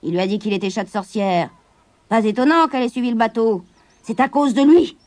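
A woman voicing a superstitious male sailor who gossips in a lowered, rough voice in a storybook reading. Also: fairly quick, a little mellow, no room sound, close to an everyday voice. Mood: gossiping.

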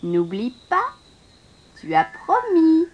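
A woman voicing a raspy female frog who coaxes and insists on a promise, in slow drawn-out pleas. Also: very high voice, wildly swooping pitch, dull audio, slight background noise, voice pushed up, exaggerated voice. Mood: insistent.

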